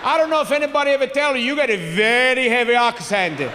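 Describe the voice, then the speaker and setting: A man voicing an angry immigrant father who speaks loud broken English, recorded live with hall reverb. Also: very high voice, fast, noisy background, voice pushed up. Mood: indignant. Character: angry immigrant father shouting at a call center.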